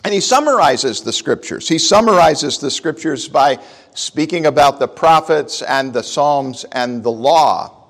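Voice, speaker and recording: A man preaching a sermon and leading prayer at a pulpit microphone, speaking in an unhurried, conversational way with frequent fillers. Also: a little high, lively intonation. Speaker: pastor. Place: church sanctuary. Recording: long church reverb.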